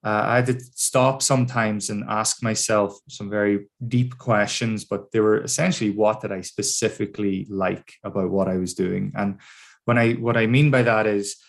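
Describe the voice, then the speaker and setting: Low-voiced Donegal Irishman. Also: steady tone, moderate pace, creaky. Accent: Donegal, northwest Irish. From Donegal, Ireland. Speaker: guest speaker, engineer. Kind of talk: informal career talk to students.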